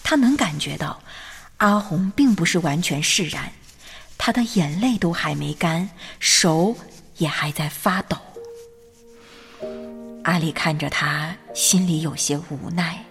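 A woman narrating a scripted story in a gentle, measured manner. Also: lowish voice, breathy edge. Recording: reverberant hall with faint music. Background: faint background music.

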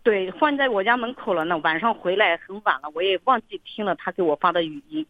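A woman's voice: medium pitch, expressive, fast talker. A woman calling a counseling program, telling a long story in an earnest, rambling way, often repeating herself and restarting sentences. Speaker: caller. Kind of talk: radio call-in counseling. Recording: tinny phone line.

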